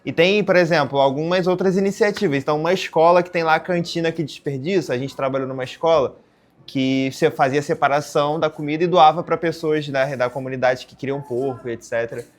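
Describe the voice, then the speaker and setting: A man from Brazil moderating a casual classroom discussion, relaxed and encouraging. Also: a little high, fairly quick. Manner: relaxed, encouraging, slangy remarks. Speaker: teacher moderating.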